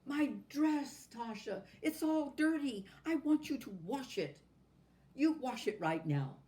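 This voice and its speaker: A woman voicing a spoiled, bossy little doll come to life, speaking in a high, demanding, whiny voice. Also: animated, unhurried, warm tone.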